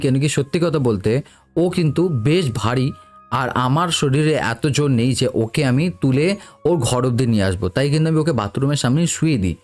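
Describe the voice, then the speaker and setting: A man's voice: fairly high pitch, darkish tone. A man narrating a true ghost story in the first person, in a casual, conversational way.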